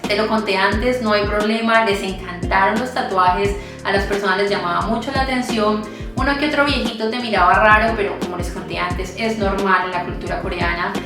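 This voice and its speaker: Friendly Colombian woman in an echoey room. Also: mid-range voice. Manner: friendly, encouraging, chatty. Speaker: barista and vlogger. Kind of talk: casual Q&A vlog answering followers. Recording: very echoey room with music behind.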